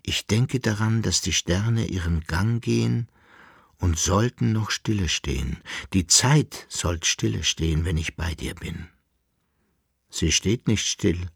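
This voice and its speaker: A man's voice: low-pitched, creaky, breathy edge, dry recording, clean studio sound, full character voice. A man voicing a melancholy old emperor who muses tenderly and calls after a lost love, in a radio reading. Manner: musing, yearning, then calling out.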